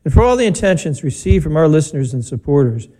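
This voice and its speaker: Male priest at a pulpit microphone, mellow and warm, measured, plain-spoken. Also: a little high, sing-song, poor audio. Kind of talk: homily and spoken Mass prayers. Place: church during a broadcast Mass.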